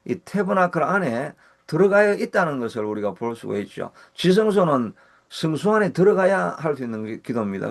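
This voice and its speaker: A man pastor with a Gyeongsang Korean accent preaching a sermon, earnest, slowing and rising in pitch when he voices prayers. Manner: earnest, slows and rises when voicing prayers. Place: church service.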